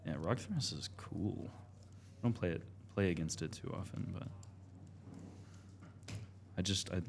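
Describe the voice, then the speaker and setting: A man's voice: low voice, measured pace, gravelly, a little hiss or hum. A man playing a card game on stream at a convention, joking and laughing often between plays. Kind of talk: casual table talk at a card game. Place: indoor gaming table at a convention. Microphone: table mic.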